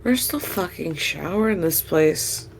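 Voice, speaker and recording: A woman's voice: fairly low pitch, expressive, unhurried, creaky, soft background music, poor audio. A woman playing a tabletop game, dramatic and sassy in her reactions. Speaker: player. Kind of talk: casual tabletop play.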